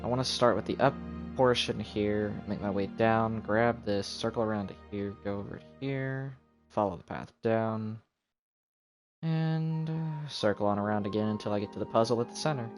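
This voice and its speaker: Over game music, a man with a fairly low voice speaks at normal speed as a game streamer. His live commentary is casual, and he thinks aloud as he plays.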